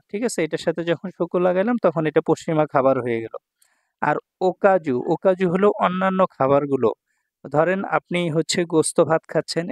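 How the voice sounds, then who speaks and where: A man's voice: fairly high pitch, no echo, studio quality. A man from Bangladesh, patiently explaining Japanese vocabulary as a teacher and often checking that his students follow. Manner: explains patiently, checks in with "ঠিক আছে ভাই?".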